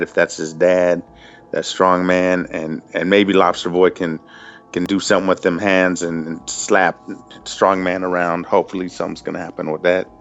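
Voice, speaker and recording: A man co-hosting a podcast, chatting casually and rambling with lots of fillers and restarts. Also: deep voice. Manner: rambling, laid-back, many fillers and restarts. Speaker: podcast co-host. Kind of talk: casual chat. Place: Los Angeles. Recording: dull lo-fi podcast audio.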